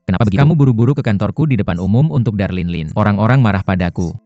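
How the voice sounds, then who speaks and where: Man acting a dark-voiced, jealous young businessman. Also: lowish voice, expressive, very fast, no room sound, close to an everyday voice. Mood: jealous, accusing. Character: jealous, brooding male partner, a businessman. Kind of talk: dubbed serial drama dialogue. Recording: dull lo-fi audio, music behind.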